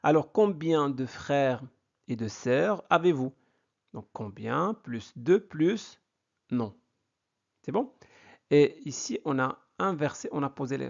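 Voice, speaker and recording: A man teaching a grammar lesson, slow and deliberate, repeating example sentences with exaggerated question intonation. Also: mid-range voice, gravelly, darkish tone. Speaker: French teacher. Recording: dull lo-fi recording.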